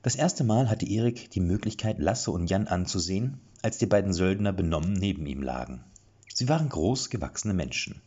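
A man narrating an audiobook in an expressive, playful storytelling manner. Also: deep voice, normal speed, slightly rough. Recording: dull lo-fi recording.

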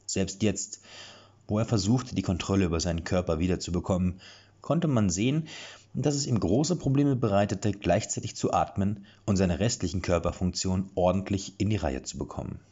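A man narrating an audiobook in an expressive, playful storytelling manner. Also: sits low, normal speed, husky. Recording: dull lo-fi recording.

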